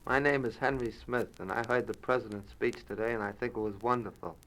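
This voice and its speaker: A man's voice: medium pitch, steady tone, fairly quick, a bit bright, low-quality recording. A man who works on a college maintenance staff, giving a plain, straightforward street-interview statement.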